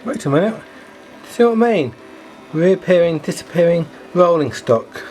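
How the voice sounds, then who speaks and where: A man's voice: a little high, lively intonation, normal speed, darkish tone, voice pushed up, close to an everyday voice, poor audio. A man voicing a spooked railway watcher, eerie and mock-amazed, in a hobby video. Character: spooked railway watcher marvelling at ghostly happenings.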